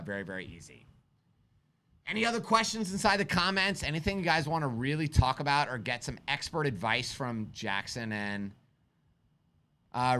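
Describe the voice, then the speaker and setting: A man's voice: mid-range voice, bright, forceful tone. A man who teaches firearms, hosting a casual live stream, telling stories animatedly, asking rhetorical questions and chatting with his kids. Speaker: firearms instructor and livestream host. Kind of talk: live-stream chat answering viewer questions.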